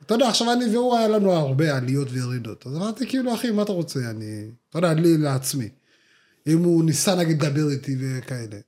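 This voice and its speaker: A man's voice: a little high, very animated, darkish tone. A young man, co-hosting a podcast and telling stories in casual slang, full of fillers and restarts. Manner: slangy, rambling storytelling with many fillers. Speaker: podcast co-host. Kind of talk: casual chat.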